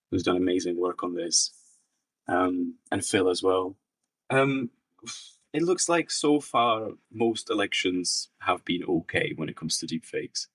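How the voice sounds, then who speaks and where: Low, husky young man, distant and dry. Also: a bit bright, no room sound. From Czech Republic. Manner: thoughtful, many restarts and fillers. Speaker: researcher guest. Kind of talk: casual interview answers.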